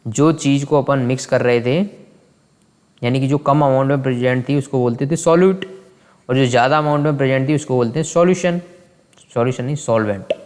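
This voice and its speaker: A male science teacher takes students through a lesson in a mid-pitched voice. He keeps asking quick questions and answering them himself, and he often fixes a word halfway through a sentence. His voice rings with a long reverb. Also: a little mellow.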